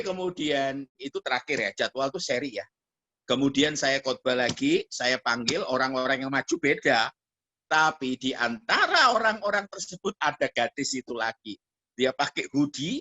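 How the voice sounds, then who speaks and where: Lively, bright-voiced male pastor preaching. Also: medium pitch. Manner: animated, acts out voices of people in his stories. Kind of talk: sermon storytelling.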